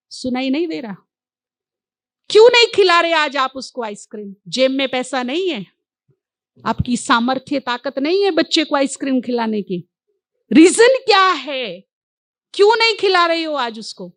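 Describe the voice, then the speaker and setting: A woman's voice: high-pitched, lively intonation, moderate pace, a bit bright, no room sound. A woman spiritual teacher speaking to a live audience. She poses rhetorical questions, answers them herself, and repeats key words for emphasis.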